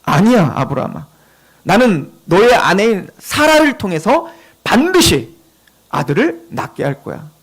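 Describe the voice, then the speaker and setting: A man's voice: high voice, a little slow, husky, exaggerated voice. A man voicing God as a firm, insistent divine father in a sermon retelling. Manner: steady, reassuring, insisting.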